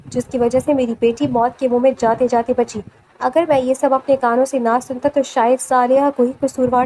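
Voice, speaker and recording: A woman's voice: high voice, dark tone, rough recording. A woman voicing a furious young father. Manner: angry, commanding.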